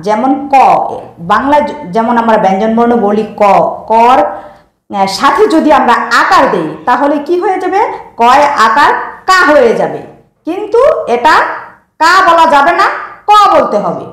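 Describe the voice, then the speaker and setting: Woman teacher who drills a pupil on recitation rules, high and animated, in a roomy space. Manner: explains step by step, repeating examples slowly. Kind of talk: teaching lesson, questioning a pupil.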